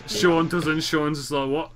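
A man's voice: a little high, steady tone, takes it slowly, a crowd in the background. A young man hosting a podcast, brash and teasing, swearing freely in casual chat. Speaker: podcast host.

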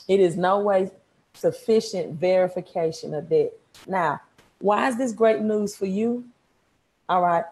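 Lower-pitched woman with a Mississippi accent. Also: dark tone, low-quality recording. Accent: Mississippi, Southern US. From Mississippi, United States. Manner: repeats words for emphasis, checks in with "right?". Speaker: credit repair coach. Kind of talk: informal live-stream slide lesson. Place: small room at home, indoors.

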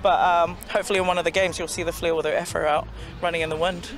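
A woman's voice: fairly low pitch, little pitch movement, fast, soft background music. A young woman rugby player from Samoa, chatting cheerfully in an outdoor interview at a rugby field with a handheld mic. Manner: cheerful, laughs easily. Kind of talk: casual interview. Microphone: handheld reporter mic.

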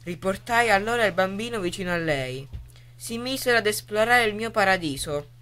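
A woman reading a creation tale aloud on a radio poetry program, soft and expressive, hushing for the whispered parts. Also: medium pitch, normal speed. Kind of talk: storybook reading.

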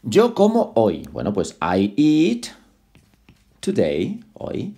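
A man with a warm, creaky, medium-pitched voice teaches English casually at home where there's a dog, speaking very slowly with huge pitch swings. He repeats words again and again, fixes pronunciation and chats in asides about being rushed.

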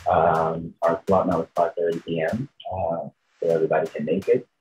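With a low, somewhat mellow voice that barely shifts in pitch, this Brazilian man in his 30s speaks at a moderate pace while giving informal interview answers as a tribute show performer. Portuguese is his first language and his accent is Brazilian. Soft music plays behind him on a rough recording.

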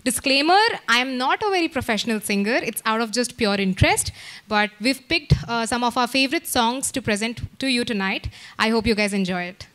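A woman's voice: a little high, expressive, brisk, a bit bright, slight background noise. A young woman, giving an informal stage introduction into a handheld microphone. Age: young adult. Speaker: singer introducing her performance. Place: indoor room with small home stage.

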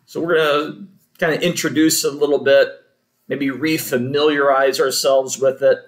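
A man's voice: medium pitch, flat delivery, normal speed. A man serving as church cantor, patiently explaining things step by step to a congregation. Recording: roomy echo.

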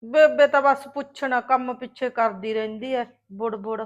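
A woman's voice: on the high side, moderate pace, highs cut off, lightly acted. A woman with a Malwai Punjabi accent playing a chatty, earnest young village daughter-in-law in a comic skit.

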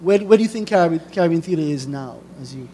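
A man interviews a guest on a lecture stage, asking polite questions with small hesitations. His voice sits a bit high with a mellow, warm tone. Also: expressive, quick pace, slight background noise. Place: lecture hall.

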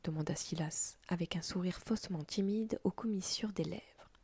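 A woman telling a story as a whispered role-play, in a breathy unvoiced whisper with soft, slow delivery. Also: fairly low pitch, no room sound.

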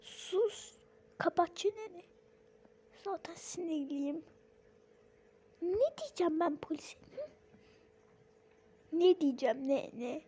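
A woman's voice: very high voice, very animated, slow pace, long pauses, dark tone, a little hiss or hum, full character voice. A woman voicing a fed-up mother scolding her troublesome daughter in a game role-play, sighing and calling on God. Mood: exasperated.

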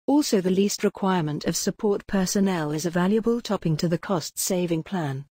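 A narrator reading a scripted software demo voice-over in an even, measured corporate manner. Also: mid-range voice, husky, no echo, clean studio sound.

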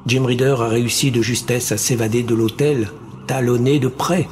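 In an audiobook, a man voices a slick, dramatic TV game-show host who works the audience with theatrical pauses and cries. His delivery is medium-pitched, slightly mellow and lightly acted.

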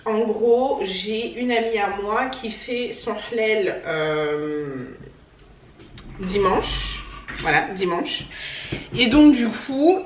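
A young adult woman chatting casually to camera at home as a beauty vlogger, expressive and quick to poke fun at herself. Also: mid-range voice, recorded from a distance. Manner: chatty, expressive, self-mocking. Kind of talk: casual vlog chat. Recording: roomy, from the mic, faint background hum.

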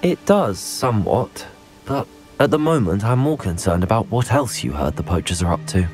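A young man with a British accent playing a polite, composed student wizard hero in a video game, speaking in a measured way. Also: fairly low pitch, expressive, darkish tone, faint music behind, lightly acted. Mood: polite, reassuring. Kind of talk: video game cutscene acting.

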